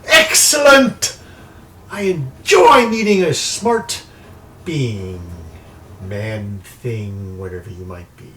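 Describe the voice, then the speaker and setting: A man voicing an imperious, mocking shapeshifting sorceress who talks in drawn-out, teasing threats. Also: medium pitch, animated, pushed and bright, recorded from a distance, a little hiss or hum. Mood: haughty menace. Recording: mic set back, faint music.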